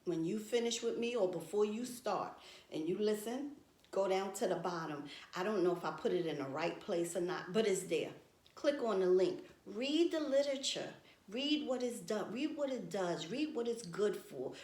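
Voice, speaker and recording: An older woman talks straight to her viewers with chatty, emphatic conviction. She drives her points home by repeating phrases. Her mid-pitched voice rings a little off the walls of an echoey room. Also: animated, normal speed, darkish tone. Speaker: vlogger selling tea products. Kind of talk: casual talk to camera.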